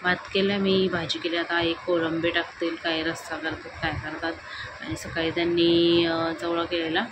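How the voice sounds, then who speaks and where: A young woman chatting casually for her home vlog, teasing and calling out loudly to her husband. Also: on the low side, level tone, moderate pace, dull audio. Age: young adult. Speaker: vlogger. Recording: home recording with clear background noise.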